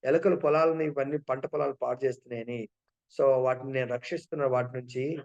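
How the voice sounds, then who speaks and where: A man's voice: mid-range voice, fairly even intonation, a little fast, a little mellow, lo-fi sound, close to an everyday voice. A man voicing an attached old householder who keeps making excuses. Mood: explaining.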